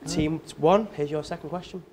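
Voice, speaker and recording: A young man runs a quiz show with bright, teasing patter. His voice sits somewhat high for a man, and a faint hiss runs under the recording. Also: steady tone, moderate pace. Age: young adult. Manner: upbeat, teasing presenter patter. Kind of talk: hosting a staged quiz show.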